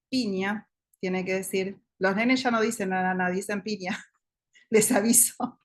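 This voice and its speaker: A woman, a speech therapist giving a teacher training lecture. She explains step by step, checks in with her listeners and stretches sample words out slowly to demonstrate. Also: mid-range voice, a bit bright. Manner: explanatory, checks in with listeners with a quick question tag.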